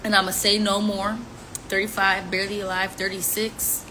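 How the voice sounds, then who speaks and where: Speaking at a normal pace with a medium pitch and level tone, a woman in her 20s teases and chats casually with fans as she takes their questions, adding playful rhymes. It's phone audio from a live stream, with background noise.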